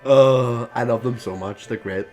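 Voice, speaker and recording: A man's voice: medium pitch, measured pace, faint music behind. A young man, co-hosting a casual podcast chat and acting out people in his stories. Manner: animated storytelling, acting out voices, laughing often. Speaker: podcast co-host.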